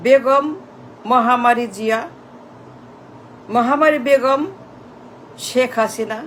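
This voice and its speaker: A woman's voice: fairly high pitch, slight background noise, poor audio. A woman delivering an impassioned political rant, repetitive and mocking, mixing in English phrases. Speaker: political commentator.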